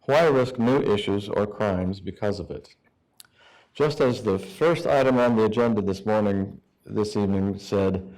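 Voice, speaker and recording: A man's voice: lowish voice, a little mellow, rough recording. A man giving prepared public comment at a council meeting, earnest in tone.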